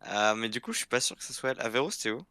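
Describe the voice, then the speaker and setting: Bright, crisp male gamer leading questioning. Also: mid-range voice, very fast, dry recording. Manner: interrogating, explanatory. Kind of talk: casual game discussion, leading the questioning.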